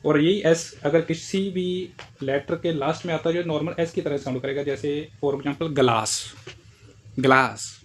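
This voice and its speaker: A man's voice: a little high, fairly even intonation, normal speed, darkish tone, a little hiss or hum. A man teaching German pronunciation in Hindi, explaining letter by letter and repeating each example word several times. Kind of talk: language lesson explaining pronunciation.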